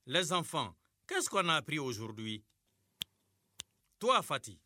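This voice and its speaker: A man teaching a scripted classroom lesson, giving measured, encouraging instructions. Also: on the high side, very animated, music in the background.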